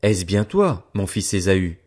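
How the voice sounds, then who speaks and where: A man reading the part of an old blind father, grave and measured. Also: sits low, sing-song, darkish tone, full character voice. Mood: solemn.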